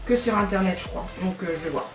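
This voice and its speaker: This French beauty vlogger talks fast with a fairly low pitch and vocal fry as she chats through a makeup tutorial. She rambles, often corrects herself, and uses many fillers. The mic is distant and her voice a bit off-mic in an echoey room with faint music.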